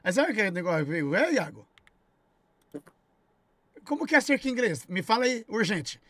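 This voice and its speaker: Bright, teasing young man streaming. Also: high-pitched, big pitch swings, moderate pace, no room sound. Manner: teasing, crude, frequent laughter. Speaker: streamer host. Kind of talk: casual gaming stream chat.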